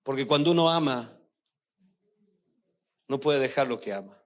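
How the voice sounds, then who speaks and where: A man's voice: medium pitch, a little slow, fairly bright tone. An older man preaching a sermon as a pastor, telling personal stories with emotion and speaking straight to the congregation. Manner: emotional, storytelling, addresses the congregation directly.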